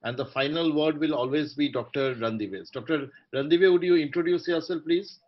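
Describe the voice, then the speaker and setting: An Indian-accented man with a polite, measured, articulate manner, moderating a formal online panel of doctors. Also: a little high. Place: online video call. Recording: dull, muffled video-call audio.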